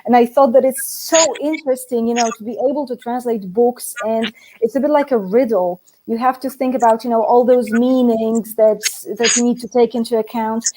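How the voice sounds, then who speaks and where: A young Polish woman, a native speaker, joins a live stream as a guest over a video call from a translation agency office, chatting casually with lots of laughter and fillers. Her voice is fairly high and steady, her pace fairly quick, and the background is noisy.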